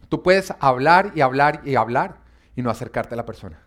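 A man's voice: medium pitch, expressive, a little slow, a bit bright. A man preaching a sermon, emphatic and often asking his listeners questions. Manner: emphatic, asks the congregation questions.

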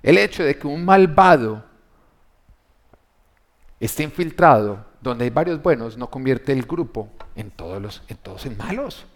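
A man preaching a sermon in a mid-pitched voice, talking to his listeners directly. He fires rhetorical questions at the congregation and swells louder to drive home his key points. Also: lively intonation, a little slow. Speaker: pastor.

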